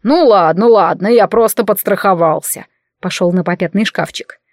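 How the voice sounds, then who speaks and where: A woman's voice: mid-range voice, normal speed, no echo, close to an everyday voice. Woman doing a nagging little cabinet familiar. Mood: fretful. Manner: nagging, cheeky, fussing. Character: meddling male familiar, a little walking cabinet.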